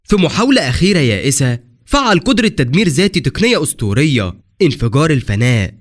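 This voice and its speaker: A man with an Egyptian Arabic accent narrates a scripted story recap, dramatic and quick. His voice sits a little high and swings widely in pitch. He races through the lines at a fast clip. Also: sing-song.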